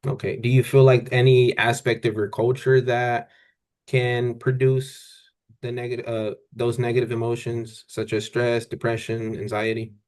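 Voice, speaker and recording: A man speaking as a calm, gentle therapist in a counselling role-play, asking questions in a halting, tentative way and often rephrasing. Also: medium pitch.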